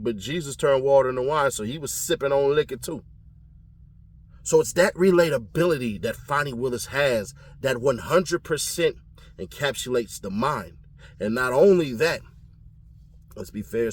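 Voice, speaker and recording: A man from California giving casual commentary on his channel, animated and slangy, often laughing. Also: mid-range voice, moderate pace. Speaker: commentary vlogger.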